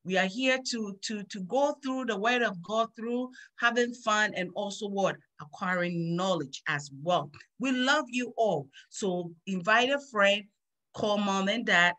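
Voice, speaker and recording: A woman's voice: medium pitch, measured pace, bright, forceful tone. A middle-aged woman hosting a children's Sunday school lesson over a video call, upbeat and repeating phrases for the kids.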